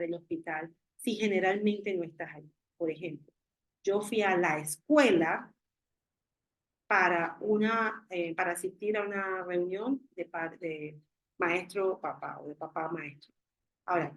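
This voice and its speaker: A woman's voice: on the low side, rough recording. A woman teacher explains English grammar in a video-call class, switching between Spanish and English and working patiently through one example after another.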